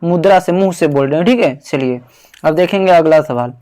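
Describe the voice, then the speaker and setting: A man's voice: on the high side, a little fast, warm tone. A man teaching an exam-prep grammar lesson, asking a question and then repeating the answer, calling the student "babu" and sounding out syllables.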